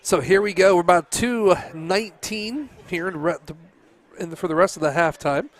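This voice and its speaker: A man commenting on a local high school football game in a chatty way, often laughing as he talks. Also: moderate pace. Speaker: sports commentator.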